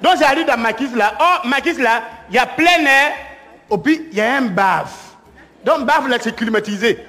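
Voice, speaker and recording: A man's voice: very high-pitched, moderate pace, long reverb tail, exaggerated voice. A man playing a broke Burkinabe barfly bragging. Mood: laughing boast. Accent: Burkinabe imitation. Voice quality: broken French, animated storytelling. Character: boastful broke man chatting up a girl in a bar. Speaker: stand-up comedian. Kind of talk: comic monologue sketch.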